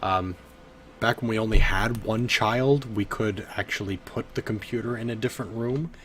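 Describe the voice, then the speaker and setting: A tipsy streamer in his thirties plays a game from his home bedroom, giving rambling live commentary full of swearing and frequent laughter. His voice is fairly low-pitched at a moderate pace, with a little hiss or hum in the background.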